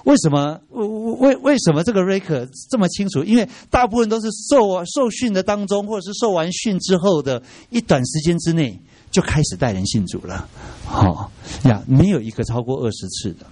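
A middle-aged man teaching a church training class, lively and often asking his listeners rhetorical questions, with English words mixed into his speech. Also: sits high, fairly quick, no echo.

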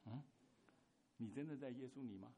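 A man's voice: medium pitch, normal speed, warm tone, in a large hall, slight background noise. A man preaching a sermon, telling a story and putting questions straight to his congregation. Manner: asks the congregation questions directly.

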